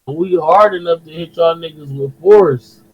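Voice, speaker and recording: A man from Detroit with a Detroit accent, talking in animated slangy chat on a podcast. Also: a little high, moderate pace. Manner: animated, slangy, repeats himself. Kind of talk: casual chat. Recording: dull lo-fi sound.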